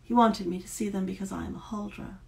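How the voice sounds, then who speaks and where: A woman's voice: mid-range voice, steady tone, fast talker, creaky, pitched above the performer's own voice, natural voice. Fierce bitter young Huldra woman, read by a woman. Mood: wry, bitter.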